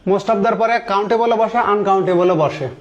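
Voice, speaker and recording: A man in his thirties with a high voice teaches an online grammar lesson. He walks through each example step by step, asks his students questions and repeats the key words. He slows right down to spell out each English sentence. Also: steady tone, dull audio. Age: 30s.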